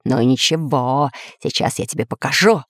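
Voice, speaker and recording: A woman voicing a hot-tempered red-bearded pirate in a storybook reading, talking in a gruff, growling way. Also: rumbling low, moderate pace, no echo, clean studio sound, voice pushed down. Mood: angry.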